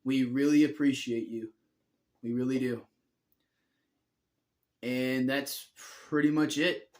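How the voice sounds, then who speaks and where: A man's voice: medium pitch, fairly even intonation, takes it slowly, a little mellow. A tired young man telling a personal story in a rambling, earnest way, often correcting himself. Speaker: vlogger.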